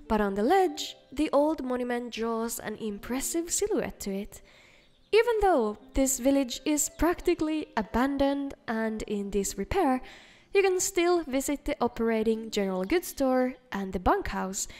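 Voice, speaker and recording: A woman's voice: high-pitched, darkish tone. A woman reading scripted narration as the host of a video game mod showcase. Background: faint background music.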